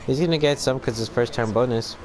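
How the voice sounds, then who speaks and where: A man's voice: medium pitch, fairly quick, a little mellow, a little hiss or hum. A young man talking like a hyped gamer bro, cursing as he chats with friends during an online game. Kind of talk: casual gaming chat. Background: video game sounds and music.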